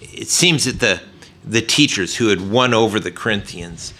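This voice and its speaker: A man preaching a sermon in an earnest tone, with frequent "uh" fillers and points he drops low and soft for emphasis. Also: normal speed, slight background noise. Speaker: pastor.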